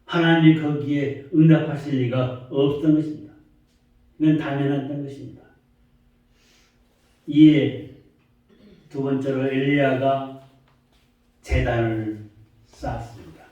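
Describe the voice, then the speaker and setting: Slow-preaching Korean pastor in an echoey church. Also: male voice, medium pitch, steady tone, mellow, dull audio. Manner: preaching slowly with rising emphatic questions. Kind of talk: sermon. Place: church sanctuary. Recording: echoey church hall, mic far off.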